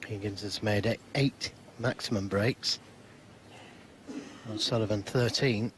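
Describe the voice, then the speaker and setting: A man giving measured snooker commentary in short, unhurried phrases. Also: lowish voice, fairly even intonation, background noise. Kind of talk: sports commentary. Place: live snooker broadcast commentary.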